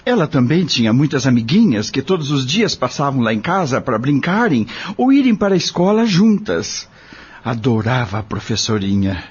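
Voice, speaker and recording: A male actor with a Brazilian accent plays a humble, worried rural father, a farmhand who has been dismissed, in an audio drama. His medium-pitched, slightly rough voice is very animated at a normal speed, and his simple colloquial speech sounds plaintive and confiding. The recording has dull lo-fi audio.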